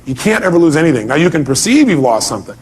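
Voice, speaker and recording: A motivational seminar presenter, male and somewhat high-voiced, talks very fast with big swings in pitch. Emphatic and direct with his listeners, he hammers each point through rhetorical questions.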